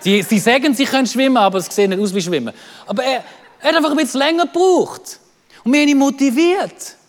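Swiss guy preaching, animated, high-ish voice, echoey church hall. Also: fast talker. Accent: Swiss German. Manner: lively, acts out quoted voices, repeats words. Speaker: pastor. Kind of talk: sermon.

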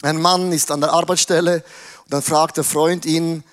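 A man's voice: fairly high pitch, fairly even intonation, moderate pace. A man preaching casually, retelling a story dramatically with slang. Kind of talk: sermon storytelling.

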